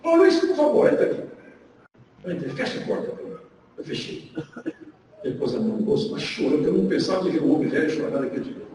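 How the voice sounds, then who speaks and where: A man with a Minas Gerais Brazilian accent preaching a sermon, telling a story with acted dialogue and shouting at the peaks, in a large church hall. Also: a little high, expressive, fast, long pauses. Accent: Brazilian Portuguese, Minas Gerais. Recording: echoey church hall from far off, noisy.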